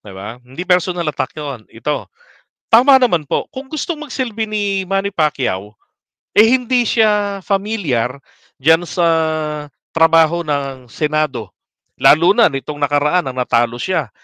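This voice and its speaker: Male vlogger, casual political commentary; polite, rhetorical-question style, slightly high, smooth tone. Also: very animated, normal speed, pushed and bright, no room sound. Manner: keeps asking viewers rhetorical questions, mixes in English words; polite, addresses audience respectfully.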